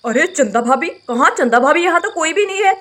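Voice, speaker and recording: A woman's voice: high-pitched, lively intonation, fairly quick, fairly bright tone. A woman voicing a sleepy husband in a doll story, grumbling and dismissive, a little off-mic. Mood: drowsy. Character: drowsy husband woken at night, man.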